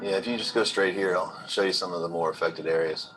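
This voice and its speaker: A man's voice: low voice, steady tone, quick pace, over loud music, poor audio. A man talking casually and matter-of-factly as a local guide in a documentary interview. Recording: noticeable street or vehicle noise.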